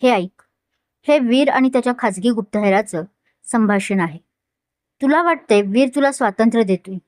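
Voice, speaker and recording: A woman's voice: on the high side, moderate pace, darkish tone, dry recording, studio quality, close to an everyday voice. A woman voicing a scheming, manipulative young woman who talks in a persuasive, insinuating way.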